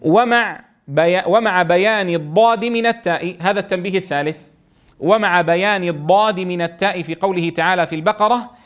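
A man teaching Quran recitation, explaining a text and slowly drawing out letters to demonstrate, often checking that his students follow. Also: high-pitched, clean tone. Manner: keeps checking understanding, slowly draws out sounds to demonstrate. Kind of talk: explaining a tajweed text in class.

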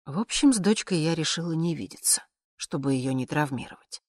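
An audiobook narrator reading an expressive, tormented story with dramatic swings between muted and loud. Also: medium pitch, a little fast, no room sound, clean studio sound.

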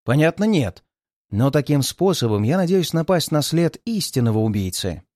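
A man reading aloud and voicing a cool-headed male detective in disguise who explains his plans calmly and deliberately. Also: a little high, dry recording, clean studio sound.

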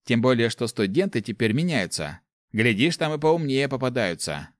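A man voicing a skinny, quick-tongued young man who scolds loudly and bosses his friend around, in an audiobook. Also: medium pitch, very animated, no echo, clean studio sound, voice pushed up, lightly acted. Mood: bossy. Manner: loud, scolding, fast banter.

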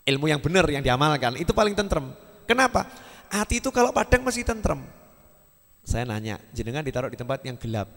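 A man's voice: on the high side, sing-song, brisk, a bit bright. Man giving a sermon, chatty, throws questions at the crowd, long hall echo. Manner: conversational, asks the audience rhetorical questions. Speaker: preacher. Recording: echoey hall reverb.

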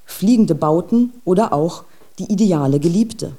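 A woman's voice: fairly low pitch, lively intonation, measured pace, mellow. A woman playing a brooding adult woman scientist in a radio drama, speaking in a pensive, philosophical monologue.

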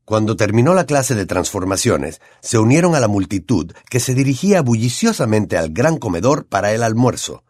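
A male audiobook narrator with a Latin American Spanish accent, telling the story expressively. His pitch is mid, with a lively, swinging melody. The recording is close and dry, with no room sound. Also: moderate pace, hardly any pauses, no echo.

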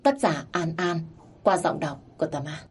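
Low-voiced woman narrating a story. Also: expressive, normal speed. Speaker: audiobook narrator. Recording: faint background music.

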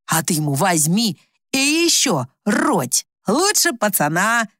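A woman voicing a coarse, scheming older village woman with a hoarse voice, who scolds bluntly. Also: mid-range voice, big pitch swings, takes it slowly, a bit bright, dry recording, clean studio sound, full character voice. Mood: conspiring.

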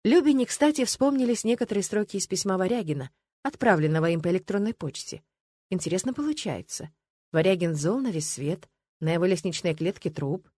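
A woman narrating a novel in an even, measured reading. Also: fairly low pitch, dry recording. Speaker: audiobook narrator. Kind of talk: scripted narration.

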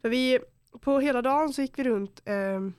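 A woman's voice: high-pitched, darkish tone, clean tone, dry recording, studio quality. A teenage girl from Borås, telling a story on a podcast with lots of slang, swearing and acted-out quotes. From Borås, Sweden. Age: teenager under eighteen. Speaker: podcast host. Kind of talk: casual storytelling chat.

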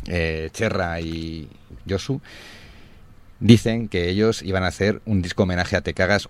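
Deep-voiced man hosting a radio chat. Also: dry recording. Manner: rambling anecdotal storytelling, animated. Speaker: radio show host.

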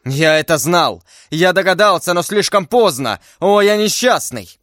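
A man's voice: sits high, lively intonation, unhurried, a bit bright, no room sound, studio quality, voice pushed up. A man voicing a distraught English nobleman in an audiobook reading, crying out in despair. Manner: despairing cries. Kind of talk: audiobook character voice.

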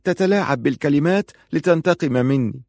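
This is a proud young woman in a spoken story, hurt and quick to accuse. A man voices her with a lifted pitch and a cutting, bitter edge on every line. The sound is close and dry. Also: lively intonation, no room sound, close to an everyday voice. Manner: sharp, accusing.

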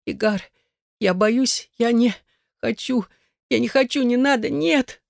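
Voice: mid-range voice, steady tone, very slow, mellow, dry recording, clean studio sound. A reader voicing a frightened young woman captive in an audiobook, in a strained, pleading voice. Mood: terrified. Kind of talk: audiobook reading.

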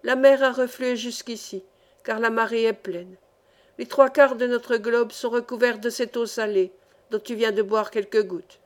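Harry is a gentle, patient young miner who explains things slowly and kindly, voiced by a woman reader. His lines sit a little lower and quieter than the narration, in a storybook reading. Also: fairly even intonation, natural voice. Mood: gently explaining.

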